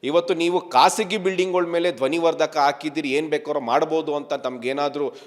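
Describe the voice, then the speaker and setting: Being interviewed by a news reporter, this male activist leader speaks emphatically and a little fast, his slightly high voice steady in tone. He repeats phrases for emphasis, and the audio carries a long reverb tail.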